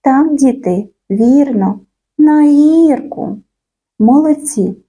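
A woman teaching young children a phonics lesson, stretching out sounds and words in a slow, sing-song way. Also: sits high, expressive, dark tone.

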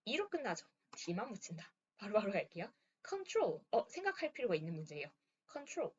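A woman's voice: medium pitch, big pitch swings, normal speed, a little mellow, slight background noise. A woman teaching English grammar, walking step by step through exercises and checking in with her students. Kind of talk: lesson walkthrough. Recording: dull lo-fi sound.

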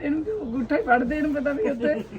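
A woman's voice: high voice, expressive, fast, dull audio. A woman with a Punjabi accent chatting casually with others as they shop. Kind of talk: casual shopping chat. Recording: loud crowd noise behind.

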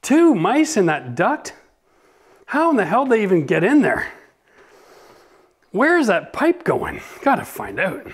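A man's voice: sits high, huge pitch swings, measured pace, pauses often, slightly rough. Chatty upbeat middle-aged man, DIY host. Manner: upbeat, chatty, swears and laughs freely. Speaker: renovation channel host. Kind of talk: casual DIY walkthrough. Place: gutted bathroom in a renovated church, indoors.

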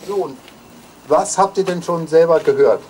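An older man outdoors on a street asks children questions, holding a handheld mic out to them and gently prompting them. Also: fairly high pitch, moderate pace, slight background noise, rough recording. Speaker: interviewer at a ceremony. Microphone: handheld mic held out to others.

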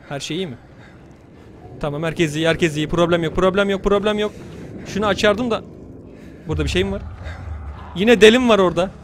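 A man's voice: high-pitched, a little hiss or hum. A young man commentating a horror game let's play, muttering to himself and cursing at the game. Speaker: gamer.

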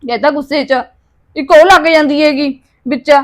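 A woman's voice: sits high, natural voice. An actress with a Punjabi accent playing a quarrelsome young wife in a joint family, snapping back sharply and demanding her share. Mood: angry. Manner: sharp, quarrelsome, rapid retorts. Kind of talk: short film acting.

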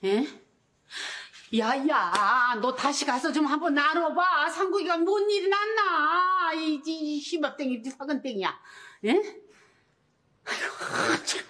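An actress playing a scheming, fawning middle-aged mother-in-law in a TV drama, loud and wailing with rustic folksy speech. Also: sits high, heavily acted. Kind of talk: television drama acting.

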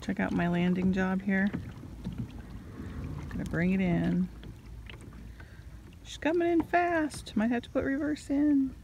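Holding her phone in hand to record, a middle-aged woman paints watercolors from a kayak on a lake and chats casually, thinking aloud and making fun of herself. Her medium-pitched voice is slow and creaky with frequent pauses, she sounds hot and slightly winded, and background noise can be heard.

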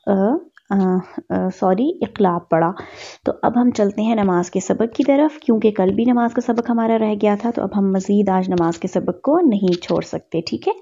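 A woman teaching a tajweed lesson. She explains the rules patiently, step by step, and stops to recite words in a slow, drawn-out way. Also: medium pitch, warm tone, husky, highs cut off. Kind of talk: online tajweed lesson with slides.

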